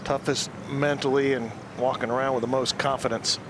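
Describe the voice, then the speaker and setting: A man's voice: medium pitch, little pitch movement, fairly quick. A man giving casual live golf commentary as an analyst. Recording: noisy outdoor course with crowd.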